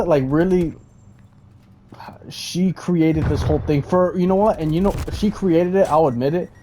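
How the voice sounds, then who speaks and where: A man's voice: fairly high pitch, mellow, a little hiss or hum. A man giving casual rambling commentary, stammering and restarting, often checking in with "okay?". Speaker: commentary vlogger.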